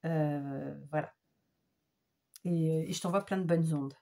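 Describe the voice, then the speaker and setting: A craft vlogger with a low, warm voice talks a little slowly as she chats to camera. It's a casual show-and-tell of her handmade papercraft gifts, and she gushes with enthusiasm.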